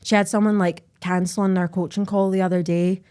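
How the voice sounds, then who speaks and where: A woman's voice: lowish voice, little pitch movement, fairly quick, warm tone, clear, resonant tone. A young adult Scottish woman hosting a podcast in a candid, chatty way, full of "like" fillers. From Scotland. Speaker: podcast host. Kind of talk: casual chat.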